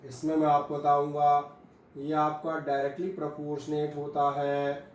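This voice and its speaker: In an echoey room with a faint hum, a man gives a physics lecture mixing Hindi and English, working step by step and asking himself questions that he answers. His voice is on the high side and monotone, at a moderate pace. The recording itself sounds muffled.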